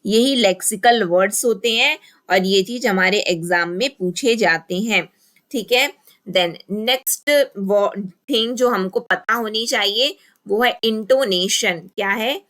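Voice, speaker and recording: A woman's voice: a little high, a bit bright. A woman teacher giving an exam-prep lecture, mixing Hindi and English, asking and answering her own questions and dictating key terms word by word.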